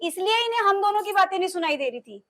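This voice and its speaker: A woman's voice: extremely high pitch, sing-song, fast, pushed and bright, full character voice. An actress playing a young village daughter-in-law, teasing her husband and answering back. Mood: coaxing. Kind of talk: rural comedy film acting.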